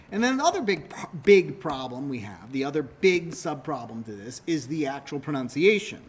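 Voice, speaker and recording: A man's voice: fairly high pitch, slight background noise. A male university lecturer giving a classroom lecture, explaining step by step, correcting himself often and checking that students follow.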